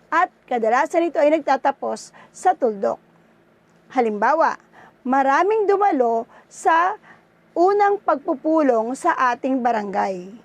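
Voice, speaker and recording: Woman, Filipino accent, teacher, high voice, coaxing tone, lesson. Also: very animated, measured pace, long pauses. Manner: coaxing, checks with "no?" and "okay?". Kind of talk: online class lesson.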